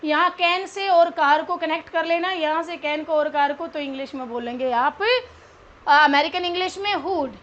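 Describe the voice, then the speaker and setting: A woman with an Indian accent teaching an online English lesson, explaining slowly and repeating each word as she mixes Hindi and English. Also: sits high, a bit bright, muffled recording.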